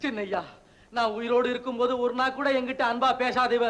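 A wailing, melodramatic henpecked husband. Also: male voice, very high-pitched, steady tone, brisk, a bit bright. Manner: over-the-top comic wailing, mock-epic speech. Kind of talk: 1950s Tamil film acting.

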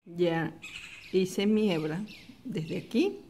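A middle-aged woman teaches an embroidery stitch in a slow, patient tutorial. Her voice sits low and mellow, and she softly repeats each step as she works. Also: slight background noise. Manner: calm step-by-step instruction, repeats the steps softly.

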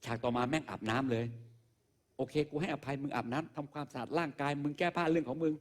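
A man's voice: medium pitch, quick pace. A man doing a stand-up comedy monologue on a live stage, crude, profane and mocking in how he talks. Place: live stage show with an audience.

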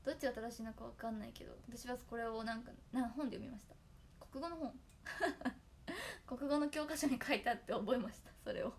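A young woman talks casually and playfully to her fans, breaking into giggles and reciting tongue twisters. Her voice sits a little high. A faint background hum runs underneath. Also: brisk. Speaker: idol trainee talking to fans. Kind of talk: casual solo stream chat.

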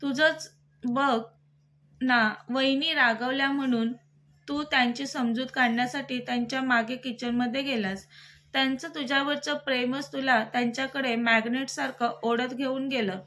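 A cheerful young man who loves to tease his best friend, as a woman narrator reads him. The delivery is playful and joking, pitched high in her own voice. It is an audiobook-style story reading. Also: fairly even intonation, normal speed, a bit bright.

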